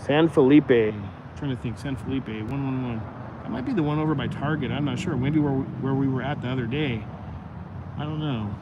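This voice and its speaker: A man's voice: medium pitch, a little fast, lo-fi sound, noisy background. A man hosting a casual livestream, rambling and chatting straight to his viewers, his voice going out. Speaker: livestream host.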